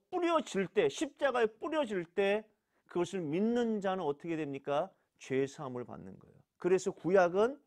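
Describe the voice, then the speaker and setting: A pastor teaching a Bible class in a church. His voice sits high and swings widely in pitch as he poses questions and answers them himself. He drives points home by repeating key words.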